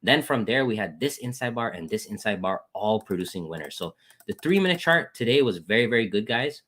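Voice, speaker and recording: A man with lively intonation and a fairly bright tone talks a little fast as he casually walks viewers through his trades on a screen share. He's a trading educator who calls the audience "guys," keeps saying "boom" when calling out wins, and thanks people in the chat.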